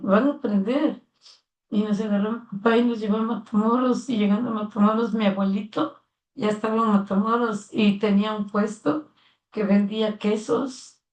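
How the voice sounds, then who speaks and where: A woman's voice: medium pitch, a little mellow. An older woman with a Mexican accent telling her own life story to her son, earnest and heartfelt, acting out remembered dialogue. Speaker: interviewee, mother of the interviewer. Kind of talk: personal life story told in conversation. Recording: roomy sound, mic at a distance.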